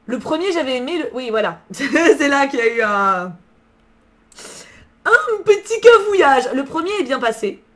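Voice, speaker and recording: Woman, live book streamer, casual chat, slangy and profane, voice on the high side. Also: very animated, measured pace. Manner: slangy, swears freely, answers chat messages.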